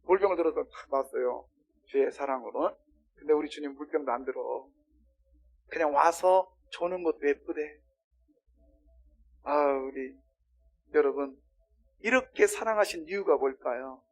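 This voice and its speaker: A male pastor preaching a sermon, swinging between loud exclamations and quiet asides while questioning the congregation. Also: on the high side, normal speed, pauses often.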